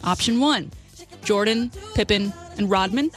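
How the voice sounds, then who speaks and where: A woman's voice: mid-range voice, measured pace. Opinionated woman talking sports over faint music. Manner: opinionated, conversational. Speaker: sports radio co-host. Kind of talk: casual sports talk.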